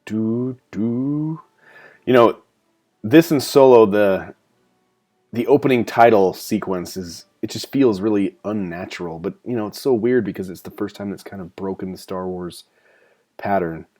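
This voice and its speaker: A man's voice: fairly low pitch, moderate pace, darkish tone. A man talking casually and enthusiastically as he comments on a film while watching it, with frequent fillers. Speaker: movie commentary host.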